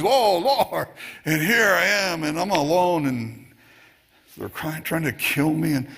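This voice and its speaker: A man's voice: on the high side, creaky, slightly rough. A man preaching a sermon, delivering it expressively, chuckling now and then and acting out the scripture he quotes.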